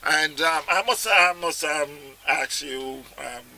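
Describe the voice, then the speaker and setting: A man hosts a relaxed cricket commentary chat, his voice very bright and a little high. He talks haltingly, filling gaps with "um" as he gathers his thoughts. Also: vocal fry, poor audio. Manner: halting, with frequent "um" fillers. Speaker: cricket commentator and YouTube channel host.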